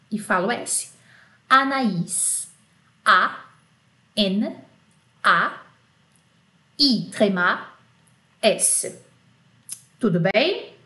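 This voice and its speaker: A fairly high-pitched, fairly bright voice belongs to a Brazilian woman teaching French online with a Brazilian Portuguese accent. She patiently explains and spells letters slowly, and the room echoes.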